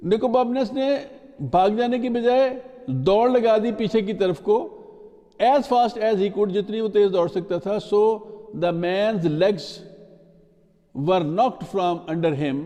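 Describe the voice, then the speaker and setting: A man teaching from a storybook, reading each line slowly, translating it and spelling out new words letter by letter. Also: sits high, dark tone. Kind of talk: slow read-aloud with line-by-line translation and spelling. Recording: long hall reverb.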